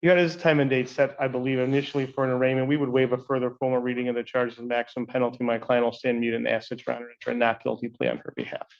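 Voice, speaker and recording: A man's voice: mid-range voice, little pitch movement, very fast, hardly any pauses, lo-fi sound. A man speaking as a defense attorney, formally addressing the judge in a courtroom recording.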